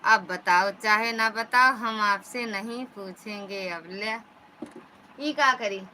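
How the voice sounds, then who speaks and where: A woman's voice: medium pitch, takes it slowly, pushed and bright, slight background noise, poor audio. A woman with an Awadhi accent, hosting a casual live stream on her phone, chatting and answering viewer comments. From Uttar Pradesh, India.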